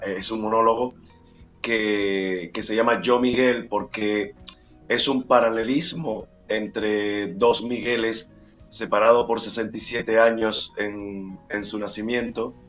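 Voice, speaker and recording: A man's voice: lowish voice, fairly bright tone. A middle-aged man from Cuba, an actor and playwright, answering interview questions with many fillers and restarts.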